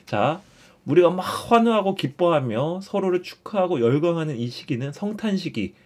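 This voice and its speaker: A man's voice: fairly high pitch, very animated, normal speed. Man giving a casual catechism lesson. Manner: explains warmly, repeats phrases, often starts with "자".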